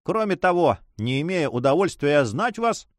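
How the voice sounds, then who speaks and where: A man voicing a haughty, cold and impatient male nobleman in an audiobook reading, pitched higher than his narration. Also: sing-song, normal speed, dry recording, studio quality.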